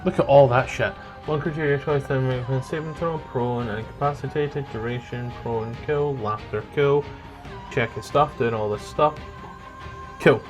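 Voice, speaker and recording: A man's voice: medium pitch, normal speed. A man running a tabletop game as game master, narrating casually with joking, profane asides. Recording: music playing behind. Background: background music.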